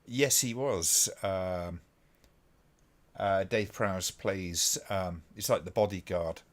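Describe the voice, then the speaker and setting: A man's voice: sits low, slow. A man from the UK hosting a live stream, chatting casually and chuckling as he rambles with fillers. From United Kingdom. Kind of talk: casual chat reacting to old clips.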